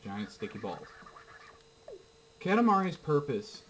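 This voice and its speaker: A man reviewing a video game as he plays, giving casual commentary in short, halting phrases with asides. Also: mid-range voice, big pitch swings, slight background noise.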